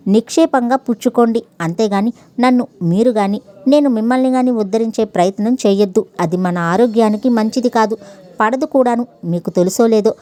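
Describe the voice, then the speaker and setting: A woman's voice: on the high side, a little fast, dark tone, close to an everyday voice. A woman reading as a cheeky young male student. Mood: wry.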